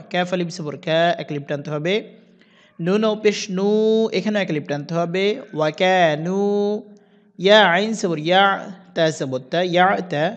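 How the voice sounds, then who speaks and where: High-voiced man spelling out recitation. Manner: spells letters and vowel marks one by one, then chants verses slowly. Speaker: Quran recitation teacher. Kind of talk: spelling-out Quran lesson. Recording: dull lo-fi sound.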